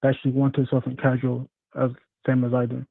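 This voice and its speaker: A man's voice: medium pitch, monotone, gravelly, slightly rough, no room sound. Give me a male caller over a tinny phone line. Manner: hesitant, with pauses and fillers. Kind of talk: casual call-in question.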